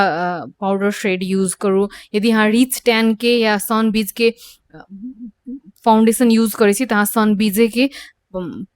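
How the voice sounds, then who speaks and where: A woman hosts a beauty tutorial as a makeup instructor. She talks at an ordinary pitch, pausing often with fillers and slipping English phrases in. The sound is dry and close, with no room echo. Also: a little mellow. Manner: hesitant, with frequent pauses and fillers, mixing in English phrases.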